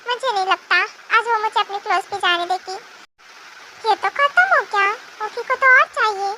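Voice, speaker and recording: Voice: very high-pitched, moderate pace. Someone voicing a patient, doting young husband. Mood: exasperated. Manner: soothing, indulgent, mildly exasperated. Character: patient young husband and father, fond and teasing. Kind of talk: amateur fan dub. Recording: noisy home recording.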